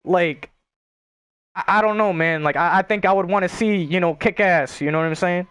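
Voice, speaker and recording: A man's voice: high voice, normal speed, a bit bright, clear, resonant tone, dry recording. A young man chatting casually on a gaming stream, rambling and swearing with lots of filler words.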